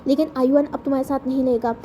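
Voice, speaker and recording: A woman doing a commanding young man who allows no argument, spoken in a high, mellow voice over a faint hiss. The tone stays firm and protective. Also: fairly even intonation, very fast, natural voice.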